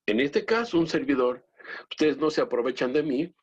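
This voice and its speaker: A man who is a lay pastor, teaching his congregation in an earnest, halting way with many restarts and direct appeals to the brethren. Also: on the high side, expressive, slightly rough. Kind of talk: church teaching talk. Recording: dull lo-fi recording.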